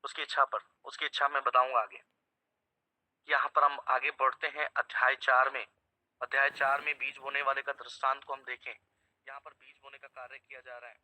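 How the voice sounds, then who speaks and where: A man's voice: medium pitch, little pitch movement, fairly quick, sharp tone, poor audio. A man preaching a sermon to an online house church over a video call, emphatic, repeating phrases and quizzing his listeners.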